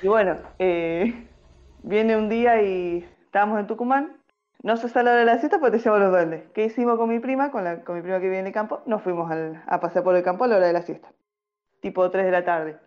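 A woman's voice: medium pitch, a little fast, lo-fi sound. A woman in her thirties from Salta, Argentina, telling a childhood story as a podcast guest, hesitant and full of fillers. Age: 30s. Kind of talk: casual storytelling interview.

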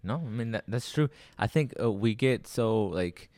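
A man in a casual chat, agreeing readily and speaking in a hesitant, halting way. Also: lowish voice, expressive, a little mellow, dry recording. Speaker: conversation partner.

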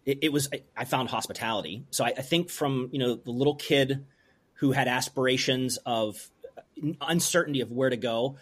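A brewery owner from rural Pennsylvania shares a personal story during an interview. He speaks earnestly but haltingly, often starting over, and his mid-range voice has a slightly bright quality.

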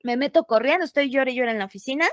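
A woman's voice: high-pitched, quick pace, no echo, clean studio sound. A young Mexican woman, a podcast guest, telling a personal story casually and animatedly, acting out what people said. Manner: animated, acts out quotes.

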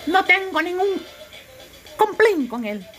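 A woman's voice: very high-pitched, sing-song, takes it slowly, a bit bright, soft background music, heavily acted. A woman voicing a cheeky young grandson with a Salvadoran accent, talking back to his grandfather.

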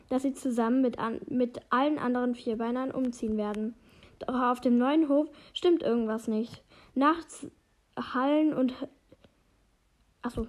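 A woman's voice: high voice, darkish tone. A woman vlogger chatting casually about a children's book and reading from it, hesitant and stumbling, poking fun at her own reading.

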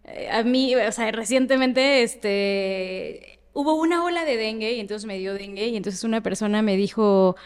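Woman, chatty co-host, fairly high voice, long room echo. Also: moderate pace, smooth. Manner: chatty, tells personal anecdotes. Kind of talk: casual chat.

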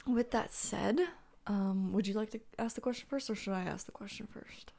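A woman's voice: medium pitch, fairly even intonation, moderate pace, gravelly, dark tone. A woman co-hosting a casual podcast, playful and giggly, tired from little sleep. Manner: giggly, playful, sets up scenarios. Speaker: podcast co-host. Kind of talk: casual chat.

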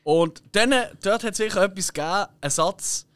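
A man's voice: high-pitched, brisk, fairly bright tone, clear, resonant tone, no room sound. Chatty Swiss German man, dry close mic. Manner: chatty, rambling, laughs a lot. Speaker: podcast co-host. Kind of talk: casual chat.

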